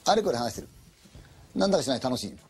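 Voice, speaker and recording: A man's voice: mid-range voice, very animated, racing, darkish tone, breathy edge. A man telling a ghost story aloud in a colloquial, conversational and dramatic way.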